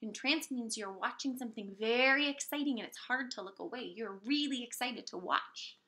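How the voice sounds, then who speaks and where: This woman's voice sits on the high side as she, a preschool teacher, reads aloud from a picture book. Her delivery is expressive and encouraging, with pauses for simple explanations and questions aimed at small children.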